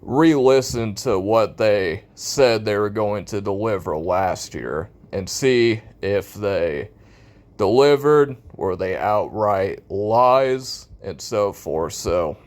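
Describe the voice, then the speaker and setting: American man, low-pitched voice, casual gaming rant, blunt, cynical, sarcastic complaining. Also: expressive, slow, darkish tone. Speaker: video game commentator. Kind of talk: casual opinion rant about a video game.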